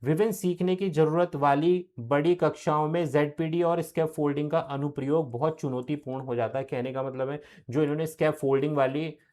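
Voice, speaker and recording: A man's voice: a little high, fairly even intonation, brisk, few pauses, dark tone. A young man giving an exam-prep lecture, who repeats key terms and asks questions that he answers himself. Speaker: teacher.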